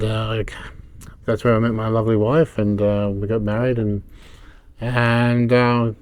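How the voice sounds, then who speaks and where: A middle-aged man with an Australian accent, answering interview questions in a halting, rambling way. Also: fairly low pitch, darkish tone, no room sound. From Brisbane, Australia. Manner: rambling, halting, many fillers. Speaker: political candidate.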